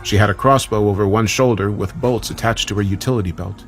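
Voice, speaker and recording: A man narrating a first-person horror story in a measured, dramatic way. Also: lowish voice, steady tone, faint music behind.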